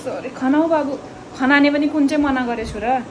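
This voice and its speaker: A woman's voice: high voice, fairly quick, a little mellow, a little hiss or hum. A woman chatting playfully through her daily vlog, laughing often, filming on a phone on a rooftop at night. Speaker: vlogger. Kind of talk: casual daily vlog chat.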